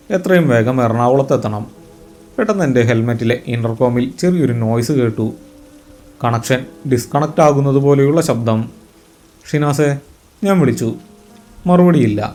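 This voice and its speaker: A male storyteller narrates a first-person horror story at a measured, suspenseful pace. His voice is mellow and warm, with an ordinary middle pitch.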